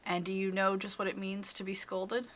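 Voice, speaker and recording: A woman's voice: medium pitch, level tone, normal speed, a bit bright, slight background noise, lightly acted. A woman voicing a stern older woman who harshly scolds a kneeling girl. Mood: scolding. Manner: condescending, harsh and demanding.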